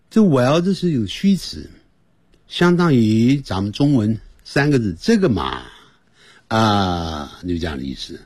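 A man hosting a radio English lesson, explaining slowly in a mix of English and Chinese. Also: lowish voice, a little mellow, slightly rough, dry recording. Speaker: English teacher. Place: radio studio.

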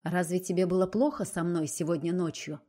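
A woman reading the lines of a domineering adult man who speaks low, coaxing and curt. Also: a little fast, mellow, natural voice. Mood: coaxing, cold. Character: forceful domineering adult man, cold and insistent.

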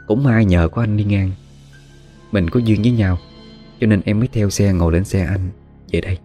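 A man voicing a young female ghost turned demon, who speaks to her victim in a soft, murmuring way. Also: lowish voice, moderate pace, soft background music, close to an everyday voice. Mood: coaxing.

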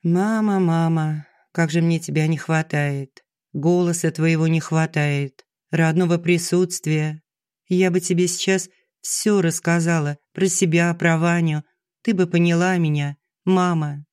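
A man reading an audiobook, voicing a gentle, soft-spoken aging schoolteacher who talks earnestly to her friend. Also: a little high, fairly even intonation, measured pace, smooth, no echo, studio quality, close to an everyday voice. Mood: longing. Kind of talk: audiobook dialogue.

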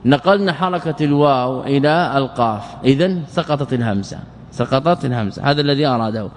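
A man's voice: medium pitch, lively intonation, fast, in a large hall, slight background noise. A man teaching a classical Arabic grammar lesson as an Islamic scholar, explaining step by step and repeating words and verse lines.

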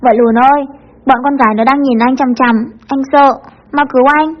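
A teasing teenage boy sweetheart who pleads playfully, as a woman reader voices him, high and quick in her own voice. The sound is a little muffled, with quiet music behind. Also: steady tone, close to an everyday voice. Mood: wheedling. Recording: muffled with soft background music.

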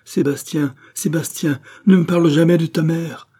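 A man's voice: fairly low pitch, lively intonation, moderate pace, warm tone, slightly rough. A man reading an audiobook, voicing an emotional, pleading middle-aged doctor who is a father. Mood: anguished. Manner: emotional, pleading, rising to outbursts.

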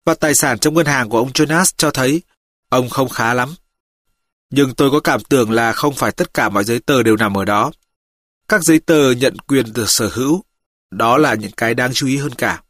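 A calm, methodical detective lays out his findings in a measured way, read by a man in his own voice. The storybook reading has a mid-range voice. The sound is dry and close. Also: medium pitch, no echo, lightly acted. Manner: steady, measured reporting. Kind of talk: audiobook reading.

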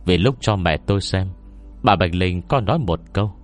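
Casting: solemn, reserved scholar, acted by a male narrator, very low voice with lively intonation, audiobook. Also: moderate pace, faint music behind. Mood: measured. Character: reserved scholar solemnly recounting his mother's memories. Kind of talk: audiobook character dialogue.

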